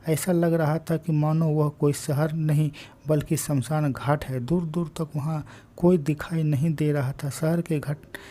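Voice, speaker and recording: A man narrates a story in a fairly high but flat, monotone voice. His tone is dark and mellow, and his reading stumbles now and then with slips and restarts. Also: measured pace. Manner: reads with frequent slips and restarts.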